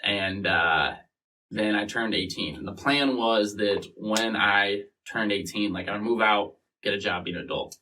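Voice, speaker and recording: Bright-voiced man in his twenties, swearing casually. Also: on the low side, a little slow. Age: 20s. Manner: profane, rambling storytelling, mimics other people. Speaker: interview guest. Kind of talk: casual storytelling interview. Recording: distant mic with faint noise.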